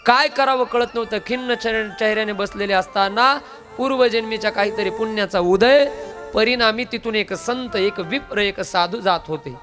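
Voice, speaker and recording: A high-pitched man tells a devotional story as a sermon to a live gathering. He speaks emphatically, quizzing his listeners and calling for their answers. Musical instruments sound clearly behind his voice. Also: normal speed, fairly bright tone, soft background music. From Beed, Maharashtra. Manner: emphatic, quizzes the audience and asks them to answer aloud. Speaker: Bhagavat katha preacher. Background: musical instrument accompaniment.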